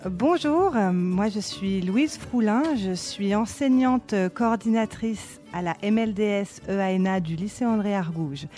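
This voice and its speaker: A woman who works as a teacher and coordinator explains her school program on the radio at a measured pace, with frequent hesitations. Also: mid-range voice, mellow, faint music behind.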